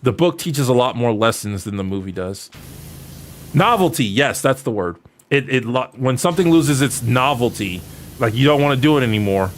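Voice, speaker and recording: A man in his early thirties livestreams and answers viewer questions in a mid-range, animated voice at a moderate pace. He chats casually in a rambling, jokey, self-deprecating way, with noticeable background noise.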